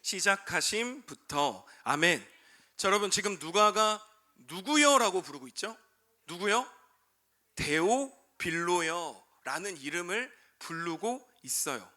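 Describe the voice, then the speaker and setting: A young man in his twenties preaching a sermon to high school students as a youth pastor. He keeps calling out to his listeners and asks questions that he answers himself. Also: expressive, slow, bright, forceful tone.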